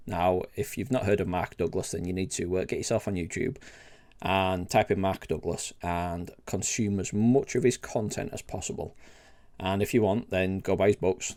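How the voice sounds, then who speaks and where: A man's voice: fairly low pitch, a little mellow. A middle-aged man with an old Yorkshire accent, speaking bluntly and plainly as he hosts an informal educational video, often checking in with short tag questions. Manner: blunt, plain-spoken, often tags sentences with "right?" and "okay?". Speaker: host of a trading tips video series. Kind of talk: informal educational monologue to camera.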